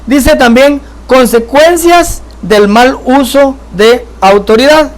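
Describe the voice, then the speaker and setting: A man teaching a Bible lesson, earnest and halting, often checking in with his listeners. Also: extremely high pitch. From Guatemala. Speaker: church trainer.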